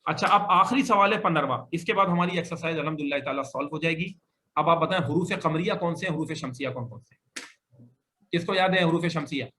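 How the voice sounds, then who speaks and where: A man's voice: fairly high pitch, quick pace, sharp tone. A male Arabic teacher leading a classroom grammar lesson, drilling students with questions and having them repeat answers back.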